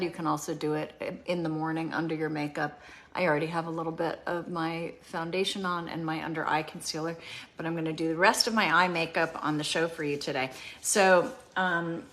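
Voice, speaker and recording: A woman in her fifties hosting a casual beauty product demonstration, chatty and often pausing on "um". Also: on the low side, fairly bright tone. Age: 50s. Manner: chatty, with frequent ums. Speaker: beauty show host.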